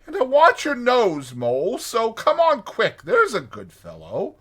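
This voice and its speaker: A man voicing a brisk, cheerful, bossy rat who calls out heartily in a storybook reading. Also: very high voice, wildly swooping pitch, a bit bright, pitched above the performer's own voice, exaggerated voice. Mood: brisk, insistent.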